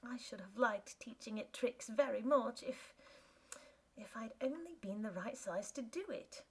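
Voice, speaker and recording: A woman's voice: a little high, measured pace, a little mellow, slightly rough. A woman voicing a young girl thinking aloud to herself in a storybook reading. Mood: musing.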